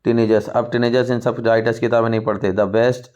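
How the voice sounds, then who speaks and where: A man with an Indian accent teaching English for an exam. He reads English passages aloud slowly and explains them in Hindi. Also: medium pitch, little pitch movement, darkish tone. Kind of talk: exam-prep lesson. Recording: dull lo-fi sound.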